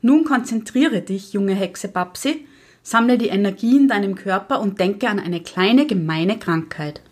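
A woman's voice: mid-range voice, lively intonation, measured pace. A woman playing a strict, unflinching witch teacher in an audio drama, giving curt, matter-of-fact instructions. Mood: stern instructing.

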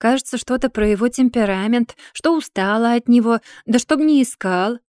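A woman's voice: on the high side, normal speed, a little mellow, dry recording, clean studio sound, natural voice. A woman voicing a cheerful, crafty old witch who talks in a folksy, grandmotherly way. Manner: folksy, chatty, bursts into indignation.

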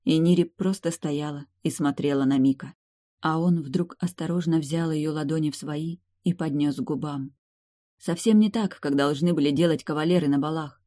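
An audiobook narrator reading a romance novel aloud in calm, even scripted storytelling. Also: mid-range voice, normal speed, no room sound, clean studio sound.

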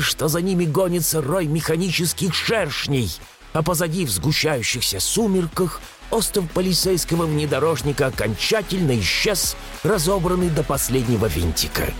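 A man narrating a story in an expressive, suspenseful audiobook style. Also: on the high side, moderate pace, faint music behind.

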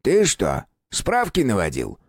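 A man voicing a small, furry, ancient house spirit in an audiobook, creaky and grumbling, teasing the boy he talks to. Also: fairly low pitch, wildly swooping pitch, slow, no echo, studio quality, voice pushed up, full character voice. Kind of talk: audiobook character voice.

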